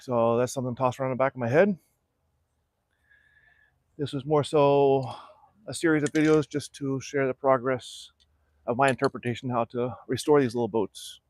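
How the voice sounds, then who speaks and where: A middle-aged man from South Florida, hosting a casual livestream from his backyard and explaining, in a relaxed and practical way, how he is restoring a small boat. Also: medium pitch, normal speed, pauses often. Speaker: channel host restoring a boat. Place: backyard outdoors.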